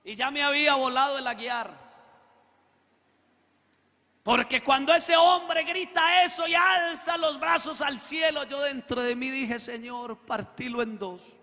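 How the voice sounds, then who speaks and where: Man preaching a testimony; raspy, bright, acts out dialogue, long reverb of a church. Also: extremely high pitch, measured pace. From Colombia. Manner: acts out quoted dialogue, swells to shouting. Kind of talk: sermon testimony. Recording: echoey hall with long reverb.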